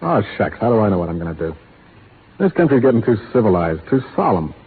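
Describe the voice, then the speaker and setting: An actor playing a reckless, joking young cowboy turned rustler in a 1930s radio drama, tinny old broadcast sound. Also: male voice, lowish voice, very animated, quick pace, breathy edge, exaggerated voice. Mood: flippant. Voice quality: flippant, easygoing.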